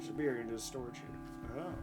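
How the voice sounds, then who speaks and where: A man's voice: mid-range voice, normal speed, loud music behind the voice. A man streaming a game, chatting casually and joking, often acting out what characters think. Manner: joking, acts out characters' thoughts. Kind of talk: casual gameplay chat.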